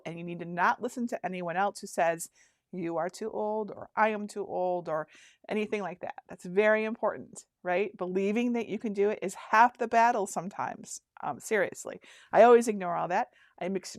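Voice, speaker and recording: This is a chatty woman in her fifties who runs craft workshops, hosting a casual livestream where she reads viewers' comments out loud amid plenty of laughter and restarts. Her voice is mid-range. The sound is studio quality and free of any room sound.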